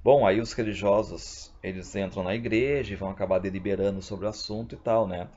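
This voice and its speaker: A male literature teacher giving a video lesson, retelling a play and reading the characters' lines in lively voices. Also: fairly low pitch, brisk, slight background noise. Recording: dull, lo-fi recording.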